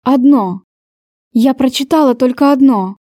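A woman's voice: high-pitched, measured pace, mellow, dry recording, studio quality. A woman voicing a hurt young woman who pleads in a trembling, raised voice. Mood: pleading.

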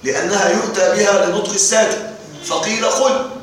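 High-voiced male teacher in an echoey room. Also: brisk, fairly bright tone. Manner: explains step by step, often checks the class understands. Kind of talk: classroom lesson explaining grammar verse. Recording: echoey room, distant mic, faint noise.

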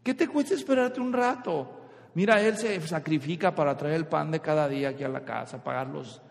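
A man's voice: on the high side, a little fast, gravelly, voice pushed down. A man voicing a young mother talking to her newborn in the night, as part of a sermon illustration. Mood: coaxing. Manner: hushed and coaxing, or sharp scolding. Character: new mother, young woman, soothing then cross. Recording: reverberant hall.

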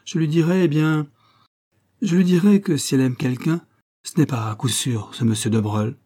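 A man's voice: fairly high pitch, moderate pace, mellow, pitched above the performer's own voice, close to an everyday voice. A man voicing a sly, mocking old male law clerk in an audiobook, with a sneering, ironic manner. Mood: insinuating.

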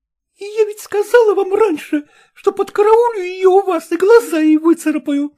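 A woman's voice: very high voice, measured pace, mellow. A woman voicing a passionate, jealous massagist who makes wild threats and swears devotion. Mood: threatening. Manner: vehement, threatening, then tearful. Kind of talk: audiobook character reading.

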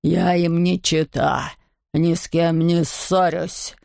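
A woman voicing a towering, haughty male fairy creature with a booming, echoing voice and slow, commanding speech. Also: flat delivery, creaky, darkish tone, studio quality. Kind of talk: audiobook narration.

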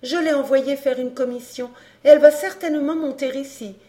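A woman's voice: sits high, steady tone, brisk, dark tone, voice pushed up, close to an everyday voice. A woman reading an anxious young lady in an audiobook, speaking in worried questions.

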